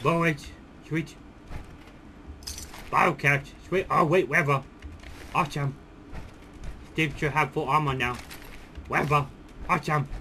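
A man doing Steve, a high creaky brash oddball. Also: moderate pace, pushed and bright, slight background noise, exaggerated voice. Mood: muttering. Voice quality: high creaky voice, cursing, third-person talk. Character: Steve, a dim hot-headed man, loud and brash. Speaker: gameplay commentator. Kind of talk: let's play commentary.

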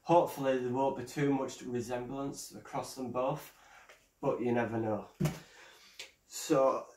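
A man's voice: mid-range voice, steady tone, unhurried, darkish tone, reverberant, recorded from a distance. A man presenting his own vlog in a casual show-and-tell way, hesitant and stumbling like a first-timer. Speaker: fireworks vlogger.

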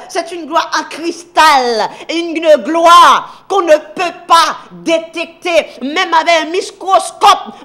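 A man with a strikingly high voice teaches the Bible on television. He reads scripture aloud and addresses viewers directly, swinging between loud, emphatic declarations and hushed, low asides.

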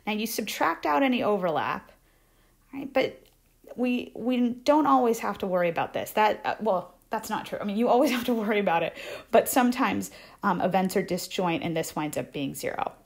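A woman's voice: mid-range voice, lively intonation, normal speed, creaky. A woman math instructor giving a conversational recorded lecture over slides, repeating key points and checking in with "right?" often.

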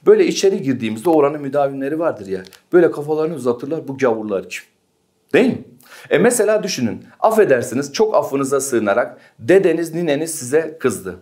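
Lively male history teacher. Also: a little high, fast talker. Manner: lively, asks the class questions and answers them himself. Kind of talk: exam prep lecture.

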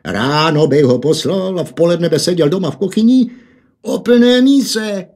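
A man voicing a gruff, irritable farmer father with a Hanák dialect, loud and scolding. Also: sits high, pitched above the performer's own voice. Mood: angry scolding.

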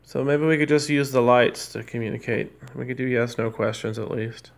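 A man's voice: mid-range voice, fairly even intonation, normal speed, vocal fry. A man politely coaxing spirits with hesitant questions during a paranormal session in a hotel room. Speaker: amateur paranormal investigator. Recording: loud noise over the voice.

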